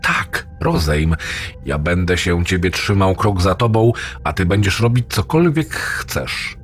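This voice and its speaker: A man voicing a gloating, crude male AI demon in a horror story reading, with a rough, mocking voice. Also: measured pace, faint music behind. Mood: menacing. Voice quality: rough, ugly, abusive voice. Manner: taunting, lewd, lively pitch swings.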